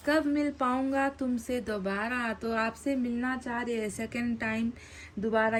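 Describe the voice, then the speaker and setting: A woman giving a casual tarot card reading, animated and repeating phrases for emphasis. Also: on the high side, a little hiss or hum.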